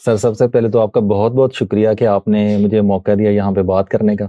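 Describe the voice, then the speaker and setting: A middle-aged man from Pakistan, a guest answering interview questions politely and hesitantly, often pausing with fillers. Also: lowish voice, flat delivery, mellow, dry recording. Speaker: guest, voice-over reader of columns. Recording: dull muffled dry sound.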